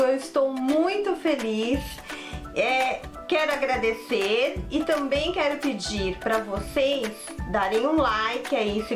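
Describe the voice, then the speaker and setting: Slow, high-voiced Brazilian teacher woman. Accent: Brazilian Portuguese. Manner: patient, spells out each rule step by step. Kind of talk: slow, didactic spelling lesson.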